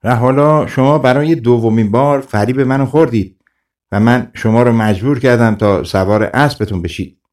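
A man's voice: mid-range voice, darkish tone, natural voice. A man voicing a clever, cheeky wandering trickster in a folk tale audiobook, speaking slyly and self-assured.

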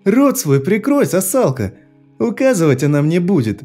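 Shrill hysterical teen boy, as a male reader puts him on, falsetto cracks, high, swooping, dark-toned, soft music under. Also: big pitch swings, moderate pace. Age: teenager. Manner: screaming taunts, mocking simpering put-on voice.

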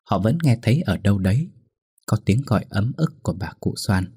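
A man with a husky, mellow, low voice narrates a ghost story steadily and somberly. His voice is dry and close, with faint music underneath. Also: animated, fairly quick, no room sound.

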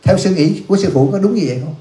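A male Buddhist monk giving a dharma talk, his voice sitting a little high. He is blunt and scolding, teasing the audience as he answers their questions. The sound rings through an echoey hall. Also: expressive, very fast, warm tone. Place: youth center hall.

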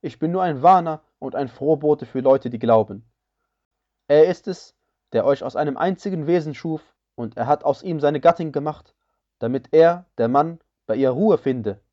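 A man with a fairly high yet mellow, soft-edged voice reads scripture in solemn, measured phrases. The recording is slightly dull and lo-fi, with the top end rolled off. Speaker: reader of a scripture translation.

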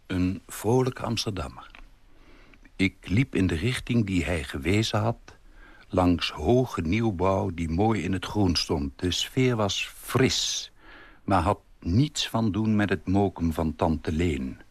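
A man reading a short story aloud in a calm, measured, wry way. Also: low-pitched, breathy edge, no room sound.

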